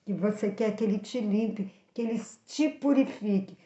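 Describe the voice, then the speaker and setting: A Brazilian woman with a mellow, mid-range voice tells children moral Bible stories at a moderate pace, addressing the listener directly in an earnest, preachy, didactic way. The room is echoey and the sound slightly dull.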